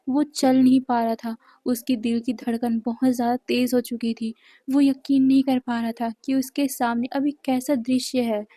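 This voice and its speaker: A woman's voice: fairly high pitch, warm tone, no room sound. A woman casually telling a romance fan story aloud as its narrator.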